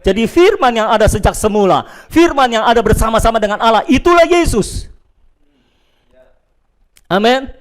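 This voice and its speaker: A male pastor preaching a sermon to a church and viewers at home, emphatic, dropping between loud declarations and quiet asides. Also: high-pitched, fast talker, hardly any pauses.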